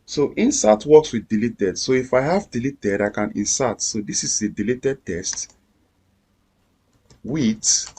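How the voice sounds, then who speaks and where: A man walks through a coding tutorial at an unhurried pace, repeating each step patiently. His voice is slightly husky, his pitch sits in the middle, and keyboard typing and clicks can be heard under his speech. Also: expressive, a little mellow. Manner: patient, repetitive step-by-step explaining. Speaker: coding instructor. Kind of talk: screen-recorded coding tutorial.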